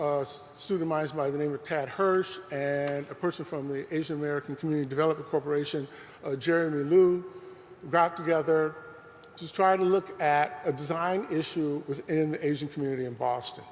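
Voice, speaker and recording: A lecturer with a fairly high-pitched voice talks at normal speed, earnest and chatty, with frequent uses of "you know." His public talk echoes through a large museum hall with a long reverb tail.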